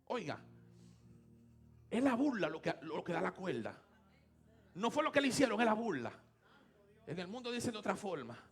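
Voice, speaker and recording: A Dominican man preaching a sermon, moving between hushed talk and loud shouted praise. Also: high voice, big pitch swings, normal speed, long pauses, breathy edge, soft background music. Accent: Dominican Spanish. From Dominican Republic. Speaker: pastor.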